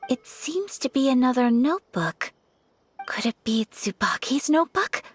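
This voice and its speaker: A woman playing a gentle, refined young noblewoman in a video game, soft and breathy, with polite, measured, formal speech. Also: high voice, big pitch swings, heavily acted. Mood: hesitant, polite. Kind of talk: video game character acting. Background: background music.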